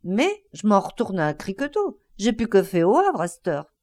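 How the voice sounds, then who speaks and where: A woman's voice: mid-range voice, huge pitch swings, normal speed, a little mellow. Lady reading as a stubborn farmer guy, grumbly, rustic talk.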